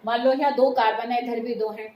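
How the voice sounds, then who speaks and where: A woman lectures a chemistry class, her voice a little high, warm and steady in tone, and a little fast. Switching between Hindi and English terms, she regularly checks that students are following and calls them "beta." The recording is echoey with faint noise.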